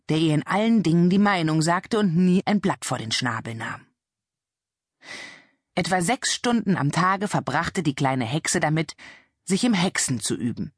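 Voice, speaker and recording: A woman reads a children's storybook with a lively, expressive lilt that rises and falls widely. Her voice is soft and breathy, captured dry and close in a studio. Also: deep voice, dry recording. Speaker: audiobook narrator. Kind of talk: children's audiobook narration.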